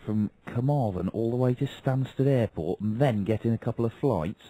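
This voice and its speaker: A man's voice: mid-range voice, normal speed, dark tone, dry recording, rough recording. A man calling a darts match as lead live commentator.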